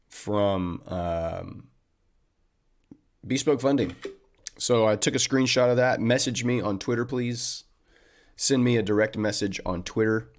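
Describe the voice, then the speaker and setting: A man hosting a trading livestream, chatting casually and upbeat with viewers and calling them man and buddy. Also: on the low side.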